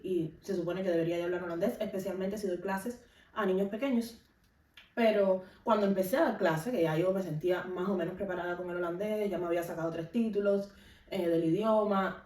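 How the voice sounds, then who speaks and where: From Cuba, a vlogger and music teacher uses a mid-range, slightly mellow voice with fairly even intonation and a fairly quick pace. She explains things to viewers casually and gives practical advice instructively, her Cuban accent audible. The room echoes and the microphone is far away.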